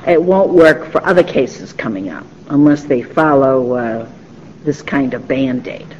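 A man's voice: mid-range voice, measured pace, darkish tone, dull audio, slight background noise. A man, a judge, putting short probing questions to a lawyer in court.

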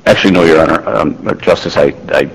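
A man, a lawyer, making a formal oral argument before a court, measured, with restarts and fillers. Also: rumbling low, creaky, long reverb tail, a little hiss or hum, low-quality recording. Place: large courtroom.

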